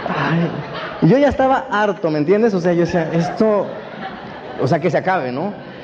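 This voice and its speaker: A man with a Mexican accent giving an animated personal testimony to a seminar audience, often checking that they follow him. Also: on the high side, moderate pace, a crowd in the background. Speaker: motivational speaker at a network marketing event. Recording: dull echoey hall recording with faint hiss.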